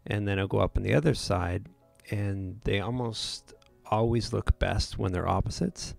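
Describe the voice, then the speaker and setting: A man's voice: fairly low pitch, normal speed, creaky, a little mellow, faint music behind. A man hosting a live photo editing tutorial, talking casually with many fillers and restarts.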